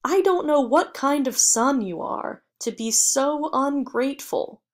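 A woman reading an audiobook, voicing a stern middle-aged father who shouts in anger. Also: fairly high pitch, very animated, unhurried. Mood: furious.

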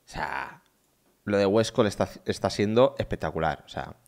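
Un hombre joven de España, streamer, comentando en directo con entusiasmo y muchas repeticiones desde su cuarto. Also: male voice, on the low side, lively intonation, normal speed, vocal fry, darkish tone. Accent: Spain Spanish. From Spain. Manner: enthusiastic, repetitive, chatty. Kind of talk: casual live-stream commentary. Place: his own room.

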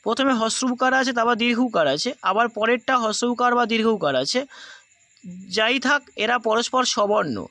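Man, teacher, high pitched, bright tone, patient, repeats rules, dry recording. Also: fairly quick, no room sound. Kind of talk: recorded class lesson.

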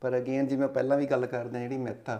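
A man's voice: medium pitch, flat delivery, fast, warm tone. A man with a Punjabi accent casually explaining a house as its builder, in an agreeable, deferential manner. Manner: agreeable, deferential, often affirming. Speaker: home builder showing a house.

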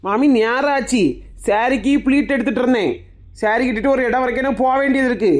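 A woman's voice: a little high, quick pace, natural voice. A woman with a Kanyakumari Tamil accent playing a young, argumentative daughter-in-law in a comic family sketch. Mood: bickering. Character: young sulky daughter-in-law, quick to argue.

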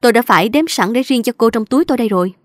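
A woman voicing a shy young man in love who bursts out with giddy excitement. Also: a little high, rapid-fire, no room sound, studio quality. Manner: excited exclaiming.

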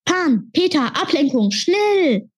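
A woman's voice: high voice, a little slow, a little mellow, pitched above the performer's own voice. A small, clever gargoyle barks out urgent orders in a raised, thin voice, as a woman reads him aloud. His timbre sits apart from the narration. He is a cautious male creature from a children's storybook. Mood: commanding. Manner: urgent, commanding.

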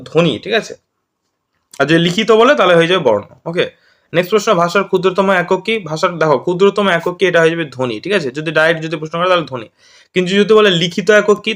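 High-pitched and fairly bright, a man from West Bengal teaches grammar for exam prep. He constantly checks understanding by repeating "ঠিক আছে?" ("right?") after each point and quizzing the class.

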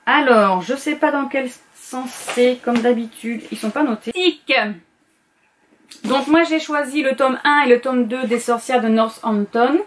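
A woman's voice: sits high, a little hiss or hum. A woman book vlogger in a casual chat to camera, going through her reading list and often hesitating and correcting herself.

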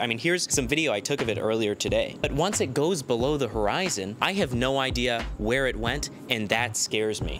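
A man's voice: mid-range voice, noisy background. Young man in a jokey build vlog. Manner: jokey, upbeat explaining. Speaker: maker vlogger. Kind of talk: casual build vlog narration. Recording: music playing behind. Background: background music.

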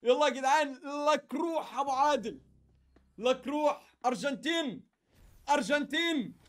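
A young man with an Egyptian Arabic accent doing casual, slangy gaming commentary in an excitable, repetitive way. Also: very high-pitched, moderate pace. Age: young adult. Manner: excitable, slangy, chatty, repeats phrases. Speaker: gaming YouTuber.

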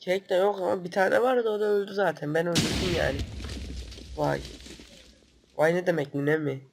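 A man with a cold and a stuffy nose, hosting excitable gameplay commentary, swearing and breaking into loud outbursts. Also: high voice, normal speed, gravelly, noisy background. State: sick with a stuffy nose and cough. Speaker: gaming channel host.

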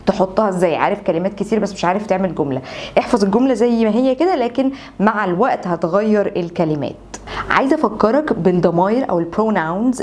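Young egyptian woman teaching beginner english, says example lines slow and repeats them. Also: mid-range voice, a little mellow. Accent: Egyptian Arabic. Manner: slow repeated example sentences for learners to copy. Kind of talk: online language lesson.

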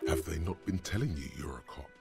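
A deep gravelly game narrator. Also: male voice, expressive, music in the background. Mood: wry. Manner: dry, wry, measured commentary. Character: grave gravelly male narrator of a detective's inner mind.

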